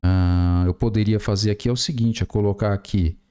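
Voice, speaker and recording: Speaking with a Brazilian Portuguese accent, a man in his forties types his way through a screen-recorded coding tutorial, explaining each step with plenty of fillers. He's a programming tutor whose lowish voice is steady, warm, smooth and fairly quick.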